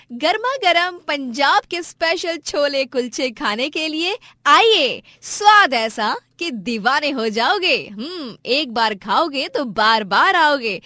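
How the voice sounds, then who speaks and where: A woman voicing a shrill, fierce village wife. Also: fairly bright tone, no room sound, studio quality, heavily acted. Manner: shrill, scolding, crying out. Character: hardworking village woman fighting back.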